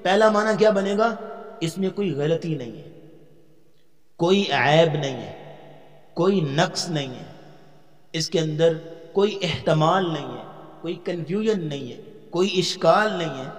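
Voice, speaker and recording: A man lecturing as a Quran teacher in a hall with a long, lingering reverb. His voice sits a little high for a man. He explains step by step, quizzes his class and slows down to chant verses. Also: expressive. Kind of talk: tafsir lecture.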